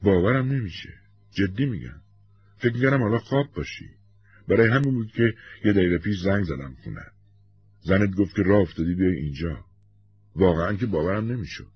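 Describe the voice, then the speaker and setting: A man's voice: deep voice, lively intonation, breathy edge, no echo, dull audio, soft background music, exaggerated voice. A man voicing a blunt but kindly male friend in a storybook reading. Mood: easygoing. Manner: blunt, easygoing.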